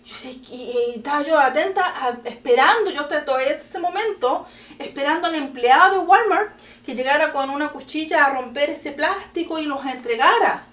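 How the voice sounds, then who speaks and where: A middle-aged Chilean woman tells a story in a high, bright voice, bursting into laughter and exclamations along the way. She sounds a little distant from the mic, in an echoey room. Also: a little fast. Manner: animated, laughing often, exclamatory. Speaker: podcast host telling a story to her daughter. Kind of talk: casual storytelling chat.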